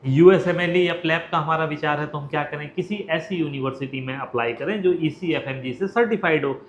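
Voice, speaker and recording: Man, slightly raised pitch, plain explainer answering student questions; roomy, muffled recording with faint hiss. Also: a little fast. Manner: direct, reassuring, poses questions then answers them. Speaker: education consultant. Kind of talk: explanatory talk to camera.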